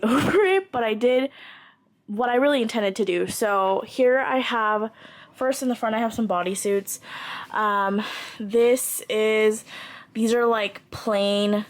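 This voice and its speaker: In the closet of her bedroom, a vlogger in her twenties holds a camera on herself and rambles casually, saying "like" and "um" constantly. Her voice is fairly high, and the low-quality recording carries a bit of hiss or hum.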